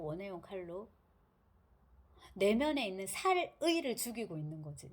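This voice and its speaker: Woman giving a lively literature lecture. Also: medium pitch. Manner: lively storytelling, acting out quotes.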